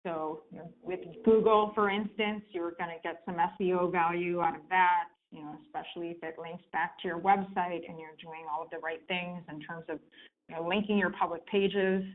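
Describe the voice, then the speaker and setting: A woman's voice: fairly low pitch, steady tone, moderate pace, slight background noise. A woman speaking as a guest expert over a conference call line. She explains in an easygoing, conversational way and uses plenty of filler words. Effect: heard over a conference call phone line. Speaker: guest expert on client reviews. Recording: tinny phone-line teleconference audio.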